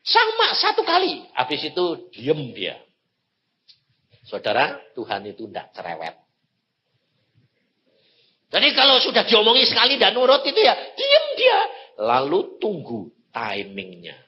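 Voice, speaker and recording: A man preaches a sermon, spinning a humorous personal story. His voice sits fairly high and leaps from shouts down to low asides. The recording is dull and lo-fi, with faint noise behind him. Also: wildly swooping pitch, measured pace, long pauses. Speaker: evangelist preacher.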